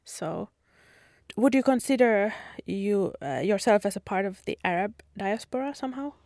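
A woman co-hosting a podcast, asking the guest measured questions. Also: medium pitch, animated, a little mellow, no room sound, clean studio sound. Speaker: podcast co-host. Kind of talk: podcast interview.

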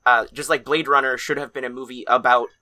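Very bright-voiced man, casual podcast co-host. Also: medium pitch, steady tone, fast. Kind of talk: casual film discussion.

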